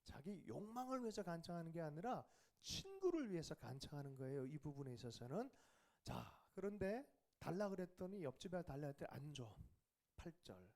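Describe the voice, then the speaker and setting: A man pastor preaching a revival sermon who questions the congregation and drops to a whisper for quiet asides. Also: a little high, very animated, a little fast. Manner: questions the congregation and asks for replies.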